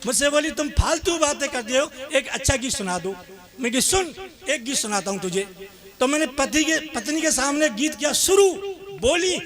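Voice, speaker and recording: A man's voice: very high voice, animated, moderate pace. A man reciting comic poems on stage, in a rhythmic sing-song manner, recorded live with crowd noise. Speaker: comic poet. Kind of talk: stage comedy poem recital.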